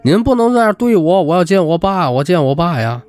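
A man's voice: on the high side, lively intonation, a little fast, dry recording, voice pushed up, natural voice. A man voicing a distraught young woman who wails and sobs for her father, in a told ghost story. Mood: wailing, pleading. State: crying.

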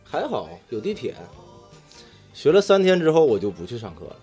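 A man with a Northeastern Chinese accent tells casual stories among friends. His voice is mellow and moves animatedly up and down, with earthy slang and the odd swear word. Faint music plays behind him. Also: on the high side, big pitch swings, fairly quick. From Daqing, northeastern China. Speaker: talk show storyteller among friends. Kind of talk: casual chat, personal anecdotes.

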